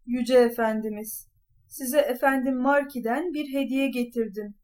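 Puss in Boots, voiced by a high-pitched woman. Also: fairly even intonation, unhurried, a little mellow. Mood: courtly. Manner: bold, courtly and commanding. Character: clever scheming talking cat in boots. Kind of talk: storybook reading.

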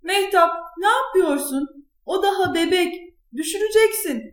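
A caring, firm mother from a storybook, as a woman reading aloud plays her. She speaks in a motherly way that stays gentle when she scolds. The room gives her voice a noticeable echo. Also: high voice, normal speed, far from the mic, lightly acted. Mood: alarmed. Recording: echoey room.

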